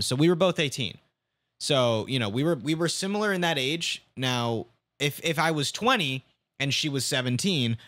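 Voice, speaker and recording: A man's voice: medium pitch, a bit bright, no room sound. A young man streaming, reacting to a video in casual commentary, exasperated and swearing as he rants.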